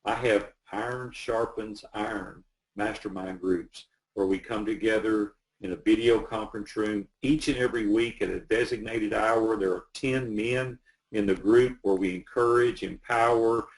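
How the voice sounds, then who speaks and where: A man's voice: on the low side, fairly even intonation, normal speed, poor audio. A man working as a business coach, talking earnestly and with animation as he tells stories in a casual interview.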